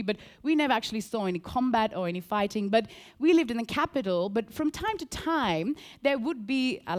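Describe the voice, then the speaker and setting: A Sri Lankan woman with a slightly high voice preaches a sermon, earnest and animated. She tells a story and keeps repeating key phrases.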